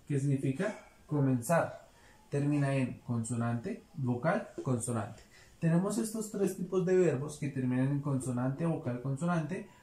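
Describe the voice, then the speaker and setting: A man teaches an English grammar lesson, explaining things patiently and repeatedly asking "¿listo?" to make sure his students are following. His voice is a little high and mellow, and the room is echoey with faint noise.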